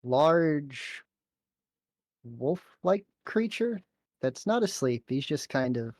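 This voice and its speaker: A man's voice: on the high side, sing-song, slow pace, darkish tone, dry recording, clean studio sound. A man narrating as game master in a tabletop game, with frequent ums. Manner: voices the toll keeper, narrates with ums.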